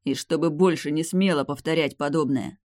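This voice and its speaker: A man's voice: a little high, normal speed, a little mellow, no room sound, studio quality, natural voice. A man voicing a hot-tempered young male vampire aristocrat in an audiobook, angry and snapping.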